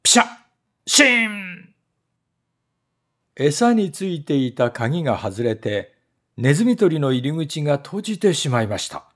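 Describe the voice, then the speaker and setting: A male voice actor narrates a children's story with measured, expressive delivery. His pitch sits a little high for a man and moves in lively rises and falls. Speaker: voice actor reading a story aloud.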